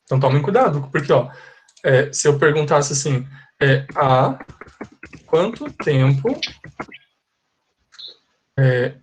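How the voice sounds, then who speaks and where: A Brazilian man who teaches English is giving a live online class, speaking with a Brazilian Portuguese accent. His voice is fairly high with lively intonation, and he talks slowly, pausing often. He explains patiently, repeats his points and keeps checking that his students understand.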